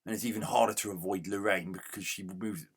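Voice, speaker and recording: Deep gravelly man, exasperated. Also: fairly even intonation, brisk, slight background noise. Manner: exasperated, grumbling, yelling at the game. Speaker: retro game reviewer. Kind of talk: casual gameplay commentary.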